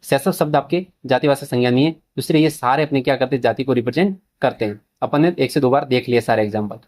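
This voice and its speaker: A man's voice: medium pitch, quick pace, a little mellow. A man teaching an exam-prep grammar lesson, asking the children questions, answering them himself and mixing in English terms. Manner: addresses students as children, mixes English terms into Hindi.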